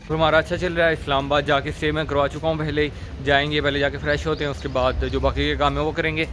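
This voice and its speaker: Young man, Pakistani Urdu accent, casual vlog chatter, slightly high voice, steady road noise behind. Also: fast. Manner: chatty, talking to viewers while driving. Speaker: vlogger. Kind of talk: casual travel vlog narration. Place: in a car and outdoors at roadside stops. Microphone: phone or camera held at arm's length.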